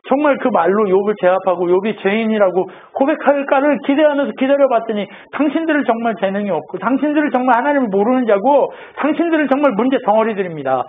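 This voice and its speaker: A man's voice: high-pitched, slightly rough. A man voicing an indignant young man who bluntly scolds his elders, in a tinny phone-like recording.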